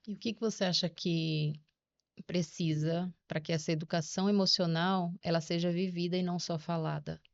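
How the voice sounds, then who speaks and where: A woman hosting a podcast interview, asking questions in a calm, measured way. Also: fairly low pitch, gravelly, dry recording. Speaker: podcast host. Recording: dry, slightly dull sound.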